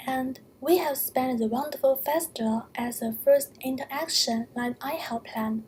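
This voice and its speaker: A young woman from China with a Chinese accent, a student reading a prepared narration in a careful, measured way. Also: sits high, breathy edge.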